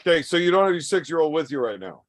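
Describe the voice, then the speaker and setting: A man's voice: a little high, big pitch swings, racing, no echo. A man joking around in casual chat, teasing others with crude banter while a little drunk. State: tipsy.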